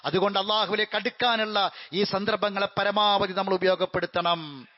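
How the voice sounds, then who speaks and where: A man with a high, ringing voice delivers a fervent Friday sermon in a mosque. He repeats key phrases for emphasis and slips into chanted Arabic verses. The recording sounds dull and lo-fi. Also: fairly even intonation, moderate pace. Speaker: Friday preacher.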